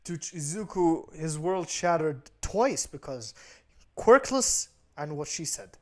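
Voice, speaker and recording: A man's voice: on the high side, lively intonation, takes it slowly, a little mellow. A man telling a fan story off the cuff, rambling and leaning on fillers. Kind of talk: casual improvised storytelling.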